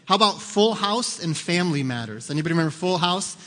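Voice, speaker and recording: Speaking fast and expressively, this thirtysomething pastor has a high-sitting, fairly bright voice. He preaches conversationally to his congregation in a church auditorium, joking and posing questions, with long hall reverb around him.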